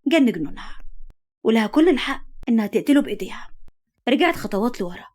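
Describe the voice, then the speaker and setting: A woman's voice: fairly high pitch, lively intonation, fast talker, a little mellow. A woman with an Egyptian Arabic accent doing dramatic scripted narration of a romance story.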